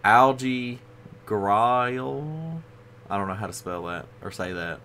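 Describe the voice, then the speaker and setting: A man's voice: medium pitch, slow, pushed and bright, a little hiss or hum. A man hosting a casual card review video, tired and yawning as he rambles along with frequent fillers. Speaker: card game video host.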